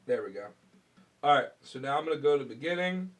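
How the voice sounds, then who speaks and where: A man with a nasal, fairly high voice talks through his home recording process in a relaxed, casual way, with plenty of fillers. Faint music plays under his voice. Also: quick pace. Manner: relaxed, explaining each step with fillers. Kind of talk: casual explanatory talk to camera.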